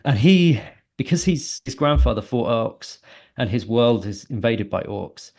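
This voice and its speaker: A man's voice: mid-range voice, lively intonation, a little slow, darkish tone. A man co-hosting a podcast, casually retelling a long story with many ums and restarts. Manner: rambling, many ums and self-corrections. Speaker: podcast co-host.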